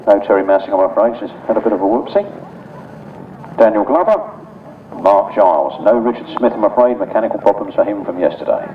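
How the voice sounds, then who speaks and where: Animated race commentator, noisy trackside. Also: male voice, on the low side, quick pace, reverberant. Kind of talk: live motorsport commentary and results announcing. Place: outdoor grasstrack circuit, commentary over speakers. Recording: muffled, noisy trackside PA from far off. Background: loud engine and vehicle noise.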